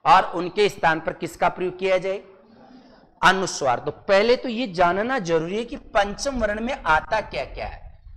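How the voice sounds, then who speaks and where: A male teacher from Rajasthan leading a live coaching class. He drills his students with repeated questions and spells out sounds slowly, one syllable at a time. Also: sits high, fairly bright tone. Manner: exaggerated slow syllable-by-syllable pronunciation. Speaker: Hindi teacher.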